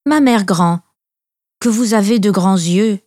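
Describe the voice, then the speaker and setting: A woman's voice: medium pitch, takes it slowly, a little mellow, no echo, studio quality, natural voice. A woman reading as a trusting little girl. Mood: wondering. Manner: naive, polite. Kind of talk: storybook reading.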